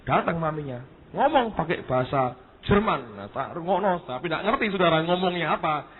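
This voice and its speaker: A man's voice: fairly high pitch, lively intonation, moderate pace, crowd noise. A male pastor, preaching a sermon as a story and often addressing the congregation directly. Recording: tinny phone-like sermon recording.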